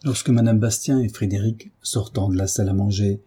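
A man narrating a classic novel as an audiobook, in a measured storytelling manner with a husky voice. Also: lowish voice, steady tone, warm tone. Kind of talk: scripted narration of a 19th-century novel.

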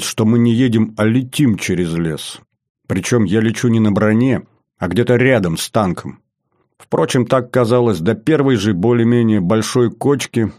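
A man's voice: lowish voice, a little mellow. A man narrating a first-person adventure audiobook in a dry, wry manner.

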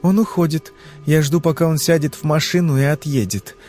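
A man voicing a frightened young woman under hypnosis, answering in anxious, halting phrases. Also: fairly high pitch, fairly even intonation, a little mellow, faint music behind, voice pushed up, lightly acted. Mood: uneasy.

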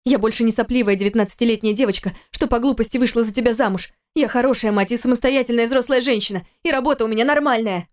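A woman's voice: on the high side, quick pace, hardly any pauses, pitched above the performer's own voice, lightly acted. A woman voicing an agitated young wife. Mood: indignant. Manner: pleading, indignant, agitated. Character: young wife and mother, defensive, pleading. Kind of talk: audiobook character reading.

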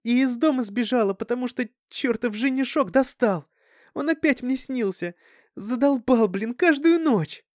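A man voicing a tearful, flustered young woman who doubts herself, speaking in a high, strained pleading voice. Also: moderate pace, no echo, clean studio sound. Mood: upset, tearful.

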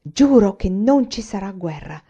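A man's voice: high-pitched, lively intonation, normal speed, warm tone, lo-fi sound. A woman reading the lines of an impulsive young man in a storybook, speaking urgently and emphatically. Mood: earnest.

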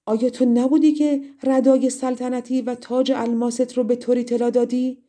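A woman's voice: mid-range voice, steady tone, warm tone, close to an everyday voice. A woman narrator voicing a young princess held captive in a fairy tale, grieving and spirited, exclaiming with feeling. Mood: accusing.

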